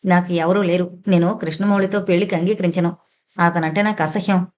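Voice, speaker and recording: A proud, defiant young woman, read by a woman narrator speaks firmly and with scorn. Her voice sits a little low, in the manner of an audio novel read aloud. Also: steady tone, fairly quick, natural voice. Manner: firm, scornful.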